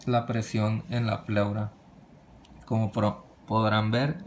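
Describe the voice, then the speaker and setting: Halting man with a gravelly voice. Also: mid-range voice, slight background noise. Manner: halting, with frequent restarts and cut-off words. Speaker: presenter of a medical lesson. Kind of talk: reading a slide lecture.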